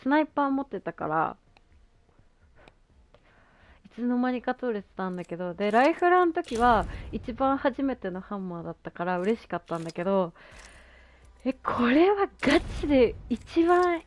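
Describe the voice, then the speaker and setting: A woman's voice: fairly high pitch, big pitch swings, normal speed, a little hiss or hum. A woman chatting casually on a gaming stream, gushing in youthful slang and exclamations. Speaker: game streamer. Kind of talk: excited casual live-stream chat while gaming.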